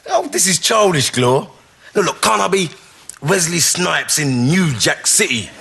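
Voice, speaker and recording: A man's voice: a little high, sing-song, measured pace, creaky, fairly bright tone, slightly rough, full character voice. A man in a sitcom, reluctant and grumbling. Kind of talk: sitcom acting.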